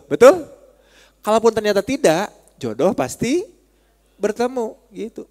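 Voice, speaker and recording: A man's voice: high voice, darkish tone. Chatty Sundanese man preaching. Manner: chatty, teasing, addresses listeners directly. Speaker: religious speaker. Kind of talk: casual religious study talk. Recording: long hall reverb.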